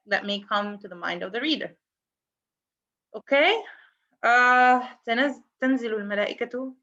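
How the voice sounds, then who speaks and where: A native Arabic speaker with an Arabic accent gives a university lecture on translation, explaining step by step, repeating and restarting words, and switching between English and Arabic. Her voice is medium-pitched and sharp, with lo-fi sound.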